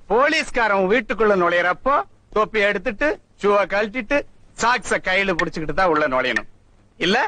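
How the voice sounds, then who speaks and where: A man's voice: high voice, sharp tone, no room sound, exaggerated voice, low-quality recording. A sneering bully policeman. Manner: threatening, bossy, sneering. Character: bullying arrogant village police officer. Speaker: police officer. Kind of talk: film comedy scene.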